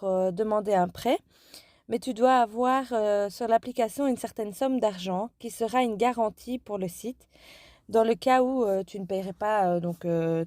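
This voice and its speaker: Woman showing an app, lots of euh and restarts, mellow dry voice. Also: a little high, no echo. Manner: hesitant, many fillers and self-corrections. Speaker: app tutorial vlogger. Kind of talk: casual screen-recorded app walkthrough.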